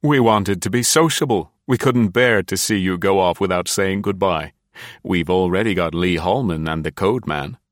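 A man's voice: low voice, normal speed, dry recording, natural voice. A man voicing a shrewd old detective. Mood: amiable. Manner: dry, commanding, slightly amused. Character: shrewd older male detective, calm authority.

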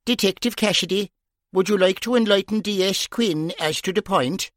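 A male narrator voicing a wordy, pompous male detective with a Kerry accent and slow, formal phrasing. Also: sits high, fairly bright tone, dry recording, studio quality, pitched above the performer's own voice. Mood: droll.

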